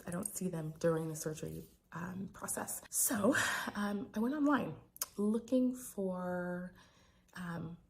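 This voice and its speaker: An American woman in her thirties speaking quietly but clearly in a hesitant, reflective personal video diary as a physician vlogger. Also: lowish voice, a little slow.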